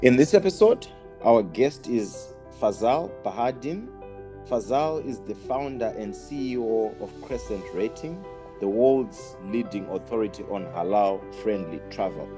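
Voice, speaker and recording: Host, male, low pitch, formal and polite, faint music under the intro. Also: lively intonation, unhurried. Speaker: podcast host. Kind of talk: scripted host introduction and questions.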